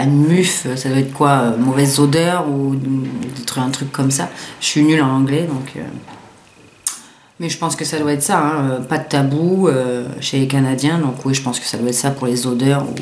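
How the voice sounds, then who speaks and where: A woman with a low voice talks casually through a beauty unboxing, stumbling over words and filling pauses as she reads product blurbs aloud. The room adds a noticeable echo, with a faint hiss of background noise. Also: a little mellow. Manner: chatty, hesitant, many fillers and restarts, reads product blurbs aloud. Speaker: beauty vlogger.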